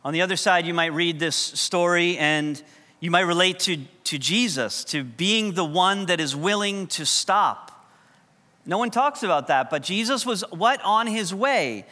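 A new pastor from New York delivers a sermon in a chatty, jokey way, telling humorous stories conversationally. His voice is high and sharp with lively intonation and an unhurried pace. It rings out in a big hall with long reverb.

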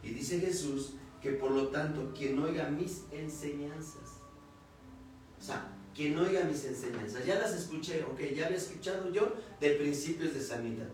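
A man's voice: fairly high pitch, moderate pace, a little mellow, a little hiss or hum. A young man preaching a sermon, telling a personal testimony and acting out the dialogue, then building to emphatic repeated phrases. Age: young adult. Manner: storytelling, acts out dialogue, builds to emphatic repetition. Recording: echoey room, far from the mic.

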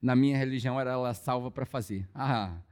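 A young man, preaching a testimony as a lively storyteller who acts out dialogue. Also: medium pitch, fairly quick, clear, resonant tone. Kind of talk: testimony sermon.

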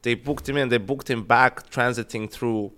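A man's voice: medium pitch, steady tone, moderate pace, bright, forceful tone, smooth. A man co-hosting a podcast, talking casually in long rambling runs that repeat words. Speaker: podcast co-host. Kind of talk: casual chat.

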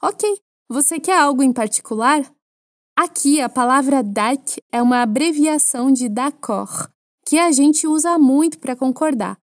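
Brazilian female language teacher, bright high register, dead-dry studio read, clear and patient. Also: lively intonation, a little slow, no echo. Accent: Brazilian Portuguese. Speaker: French teacher. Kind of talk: language lesson for Portuguese speakers.

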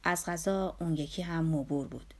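A woman reading the lines of an anxious, desperate male musician in an audiobook, hurried and pleading. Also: deep voice, a little mellow.

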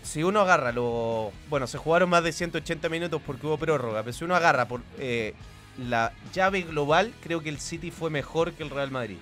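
A man's voice: a little high, brisk, a bit bright, soft background music. A man co-hosting a football podcast, talking through a past match in a casual, analytical way with many restarts. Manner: analytical, thinks aloud with restarts.

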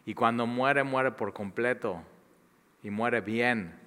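A man preaching a sermon and leading a closing prayer, repeating words for emphasis and dropping from loud to hushed. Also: mid-range voice, slow pace, clear, resonant tone. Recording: long reverb of a large hall.

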